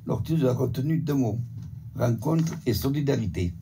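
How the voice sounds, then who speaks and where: An older man from around Montpellier with a southern French accent reads his prepared statement steadily, item by item. His voice is dark and gravelly, and a faint hiss sits under it on the video. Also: medium pitch, animated, normal speed. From Montpellier area, southern France. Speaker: retirement home resident giving a report. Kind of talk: reading a prepared text. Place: retirement home, sent as a video.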